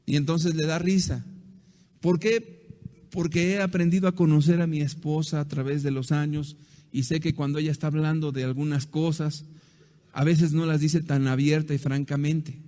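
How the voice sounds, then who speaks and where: Guy preaching a marriage sermon, kinda high voice, lots of "why?" questions, big echoey hall. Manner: lively teaching with rhetorical questions and acted-out quotes. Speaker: pastor. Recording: long hall reverb.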